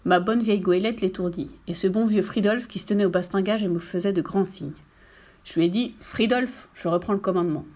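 A woman's voice: mid-range voice, a little fast, a little mellow, close to an everyday voice. Woman doing a hearty, boastful sea captain. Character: big jolly sea captain father.

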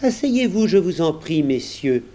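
A man voicing a slim, grey-haired old gentleman who speaks softly and with great courtesy. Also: fairly high pitch, measured pace. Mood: courteous. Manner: soft, courteous, calm.

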